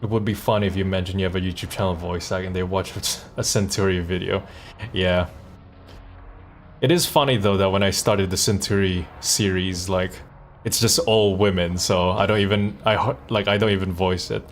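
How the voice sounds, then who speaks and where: During casual livestream chat, a man who streams and does comic dub voice acting thinks out loud in halting bursts. He speaks at a moderate pace in a low voice with fairly even intonation, over slight background noise.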